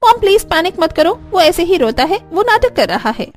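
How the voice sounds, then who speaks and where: A woman's voice: very high-pitched, sing-song, moderate pace. A woman voicing a spoiled, careless rich young mother who talks in a dismissive, whiny way.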